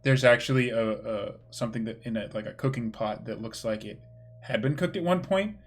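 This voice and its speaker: A man leads a tabletop game, describing scenes and calling rolls in an easy, chatty manner. His voice sits at an average pitch, and faint music plays underneath. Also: a little fast. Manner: relaxed, chatty, laughs easily. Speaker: game master. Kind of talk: casual narration of a tabletop game.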